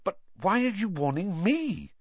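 A man's voice: sits high, very animated, a little slow, breathy edge, no echo, pitched above the performer's own voice, exaggerated voice. A man voicing an earnest, impatient young wizard boy in an audiobook reading, asking urgent questions. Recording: dull dry studio sound.

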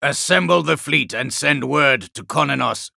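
A man voicing a wounded, proud male commander who speaks in a bitter, sardonic way, with a raspy voice. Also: fairly high pitch, sharp tone, no room sound, studio quality, pitched above the performer's own voice, heavily acted. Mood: commanding. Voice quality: raspy, gravelly. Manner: slow, cold and commanding. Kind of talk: audiobook character voice.

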